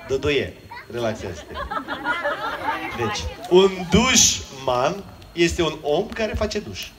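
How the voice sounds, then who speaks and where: A man's voice: fairly high pitch, big pitch swings. A man, a children's magician, telling a comic story on stage and teasing the audience. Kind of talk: live comedic storytelling to a crowd. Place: outdoor stage at a water park. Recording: noisy live crowd.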